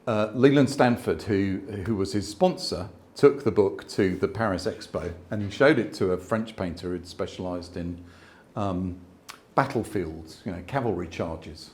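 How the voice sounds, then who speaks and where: In a deep, darkish voice at normal speed, a man in his sixties who photographs landscapes speaks to an exhibition audience with hardly any pauses. The talk is thoughtful and conversational, with frequent restarts and asides.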